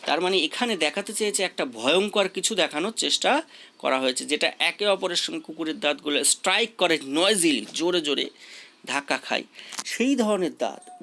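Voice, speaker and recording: A man's voice: sits high, gravelly, fairly bright tone. A man teaching a school English poem, repeating key words and mixing English terms into his explanation.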